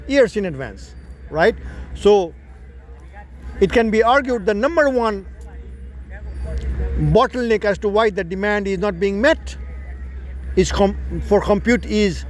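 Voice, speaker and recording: A man's voice: high voice, a little hiss or hum. A man from Nepal, a startup founder, talking through his idea in a casual monologue that explains and rephrases as he goes. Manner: explanatory, repeats and rephrases points.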